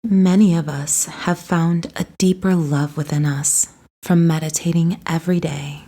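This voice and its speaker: Reading from a script at a very slow pace, a woman with a lowish voice leads a guided meditation. She sounds relaxed and mellow, speaking gently and soothingly.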